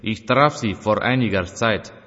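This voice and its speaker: A man's voice: on the low side, a little slow, a bit bright. A man playing a deferential, persuasive subject of a pharaoh in an audio drama, speaking formally and respectfully. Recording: echoey, muffled band-limited recording.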